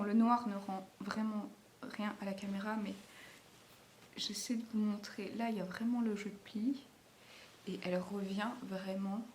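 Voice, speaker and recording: A woman whose mid-range voice sounds a little mellow chats about her handmade garments, speaking with a non-native French accent and plenty of fillers and restarts. She records late in the day inside her home, where the room echoes and faint noise lingers.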